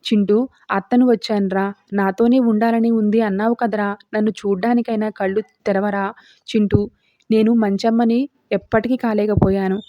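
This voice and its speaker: A woman's voice: mid-range voice, steady tone, moderate pace, no room sound, lightly acted. A woman voicing an anxious young mother who hides a secret son, read plainly in a serial recap. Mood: distraught. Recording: dull dry lo-fi recording.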